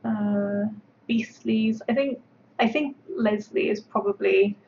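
A woman's voice: mid-range voice, takes it slowly, creaky, darkish tone. A woman sculptor chatting casually on a livestream while she paints, rambling along with plenty of fillers. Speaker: sculptor livestreaming her work. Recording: dull lo-fi stream audio with faint background noise.

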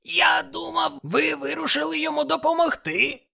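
A man voicing an excitable, nervous male devil in an audiobook, with a shrill, raised voice. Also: normal speed, creaky, heavily acted. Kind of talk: audiobook character voice.

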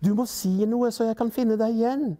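A man's voice: extremely high pitch, fairly even intonation, warm tone, in a large hall, pitched above the performer's own voice. A man voicing a small, shy young boy who talks in a small, pleading way in a read-aloud storybook. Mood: worried.

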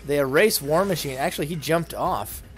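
A man commentating a video game tournament, calling the action play by play with brisk, excited energy. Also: on the high side.

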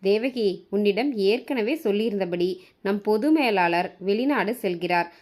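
A kind woman office director asks gentle, concerned questions, as a woman reading a storybook voices her. The voice stays at a middle pitch. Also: a little slow, natural voice.

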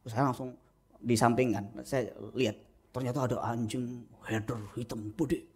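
A middle-aged man, a pastor, preaching a humorous sermon in a church, telling stories with lively acted-out quotes. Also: medium pitch, moderate pace, breathy edge. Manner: animated storytelling with acted-out quotes. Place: church sanctuary.

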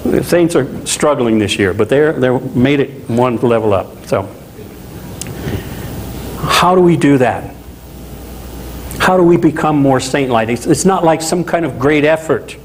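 A middle-aged man from Louisiana preaching a sermon as a pastor in a small chapel, talking in a conversational, animated way with asides. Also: medium pitch, a little slow, pauses often, a little hiss or hum, poor audio. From Louisiana, USA.

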